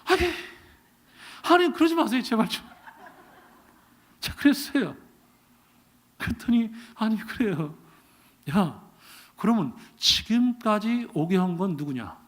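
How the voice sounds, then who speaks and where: Middle-aged male pastor, storytelling sermon, plays both sides of a dialogue, very high and animated. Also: a little slow, long pauses. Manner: acts out his prayers and God's replies with sharp swings in pitch and loudness. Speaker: pastor and university president. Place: church sanctuary.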